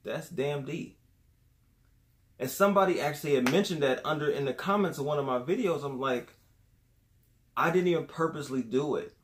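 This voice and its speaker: A man's voice: fairly high pitch, normal speed, pauses often. Young male vlogger, casual, conversational, repeats key points for emphasis. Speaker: sneaker YouTuber. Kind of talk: casual advice vlog.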